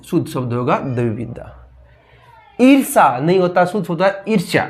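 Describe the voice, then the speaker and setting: Speaking at normal speed, a man with a somewhat high voice runs a Hindi grammar class as a drill. For each word he asks the students what it is, then gives the answer, working steadily and methodically through spellings with repeated questions and answers.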